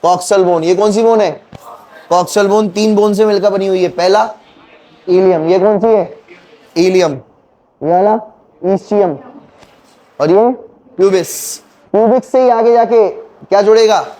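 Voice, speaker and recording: Man, teacher, high pitch, mellow tone, classroom quizzing. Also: a little slow, long pauses. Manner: quizzing students, counting bones aloud. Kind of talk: classroom lecture with call-and-response questions.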